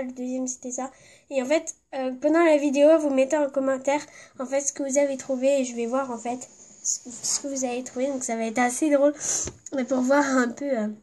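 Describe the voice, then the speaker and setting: A woman with a stuffy, congested voice from a cold chats casually to her viewers. Her voice sits high, and she rambles from one thought to the next, padding her sentences with fillers. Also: dark tone, slight background noise. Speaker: vlogger. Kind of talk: casual vlog chat.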